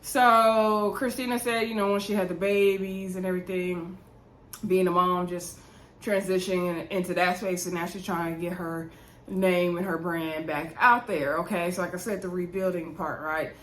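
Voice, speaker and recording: In a roomy, echoey indoor recording with a little hiss or hum, a woman recaps a TV episode for her YouTube reality show channel. She talks straight to viewers in a chatty, opinionated way, her voice on the low side, steady in tone, at normal speed and slightly bright.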